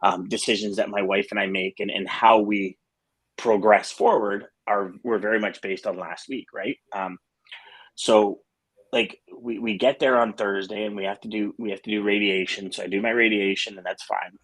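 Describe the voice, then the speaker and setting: Husky, low-voiced male show host. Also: steady tone, moderate pace, fairly bright tone. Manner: rambling, with many restarts and fillers. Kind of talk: casual morning show chat.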